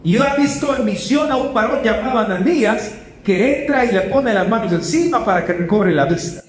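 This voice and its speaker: Male pastor, high voice, questioning sermon delivery, echoey church room. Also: lively intonation, crowd noise. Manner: asks the congregation questions, shifts between quick and slow phrasing. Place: church hall.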